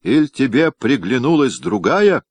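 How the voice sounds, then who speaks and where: A man's voice: animated, moderate pace, no room sound. A man voicing an aggrieved noblewoman, a wife who pleads and then shrieks her defiance, in a dramatic reading of a historical novel. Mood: defiant, shrill. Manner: pleading and shrill.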